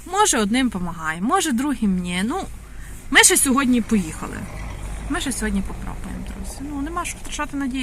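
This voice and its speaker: A chatty woman vlogger speaks in a fairly high voice to the friends watching her. She rambles easily from the car to a village street with a light hum of noise behind her. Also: a bit bright. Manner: chatty, often addresses viewers as friends. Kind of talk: casual travel vlog.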